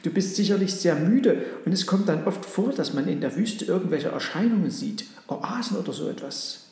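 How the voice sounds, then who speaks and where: A man's voice: sits high, lively intonation, moderate pace, gravelly, a little mellow, very echoey, in a large hall, voice pushed up. A man voicing a kind, cautious lead camel in a storybook reading. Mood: caring. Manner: caring, cautious.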